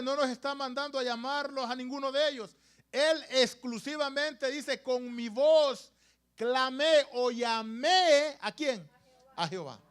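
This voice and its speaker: A man's voice: very high-pitched, fairly bright tone. A man preaching to his congregation in a church, with sudden rises and drops in emphasis and frequent asides to the brothers and sisters. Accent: Latin American Spanish. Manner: rising and falling emphasis, calls the congregation "hermanos". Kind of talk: sermon. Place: church sanctuary.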